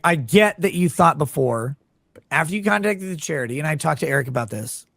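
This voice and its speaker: A man questioning someone conversationally, halting at times but insistent. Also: a little high, animated, gravelly, fairly bright tone, dry recording, clean studio sound. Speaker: live stream interviewer.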